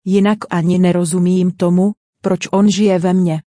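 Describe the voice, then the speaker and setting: A woman reads a translated sermon as a voice-over, earnest and direct in her delivery. Her voice sits a little low with a mellow, warm tone. The recording is dry and close, with no room around it. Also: level tone, dry recording. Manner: earnest, direct storytelling preaching.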